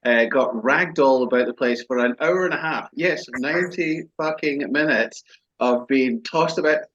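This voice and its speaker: A man's voice: mid-range voice, normal speed, fairly bright tone, slight background noise. A man, co-hosting a podcast and telling a story in sweary, casual banter. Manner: sweary storytelling, acts out quotes. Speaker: podcast co-host. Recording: dull lo-fi podcast mic.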